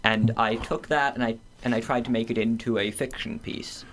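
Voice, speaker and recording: A young man, a student, reading his own short story aloud at a measured, steady pace. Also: mid-range voice. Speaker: student author.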